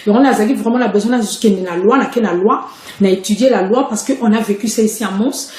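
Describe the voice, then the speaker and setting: A woman's voice: mid-range voice, fairly quick, a little mellow, reverberant. Woman. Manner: chatty, explanatory, hesitant. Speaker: live-stream commentator. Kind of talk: casual live-stream explanation. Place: at home, indoors.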